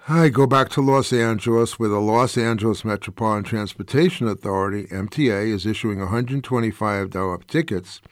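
A man's voice: on the low side, dry recording, clean studio sound. An older man reading his own personal essay aloud, telling a story in an impassioned, indignant way.

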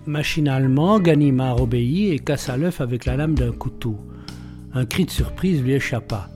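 A man reading an audiobook in a measured, steady way. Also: medium pitch, soft background music. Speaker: narrator. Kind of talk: audiobook narration.

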